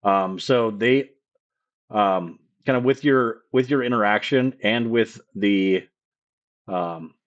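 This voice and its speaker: Rambling low-voiced male game master. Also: lo-fi sound. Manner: rambling, halting, many fillers. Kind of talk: live-streamed tabletop game narration.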